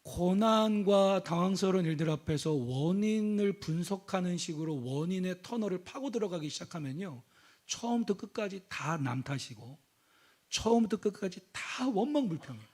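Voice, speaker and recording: A middle-aged man preaching a sermon in a high voice. He moves between loud, driving exhortation and quiet, close speech. He keeps asking his listeners questions and calling out hallelujah. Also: lively intonation, moderate pace. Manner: asks the congregation questions and calls out hallelujah. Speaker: pastor.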